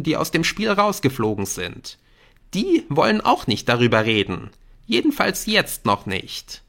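A man reading an audiobook, voicing a worried, earnest teenage schoolboy who pleads urgently in a raised, high voice. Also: vocal fry, a bit bright, exaggerated voice. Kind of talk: audiobook character voice.

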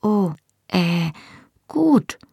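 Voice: mid-range voice, very animated, a little slow, gravelly, husky, no echo, clean studio sound, heavily acted. An audiobook reader voicing a small, curious young boy who asks questions hesitantly.

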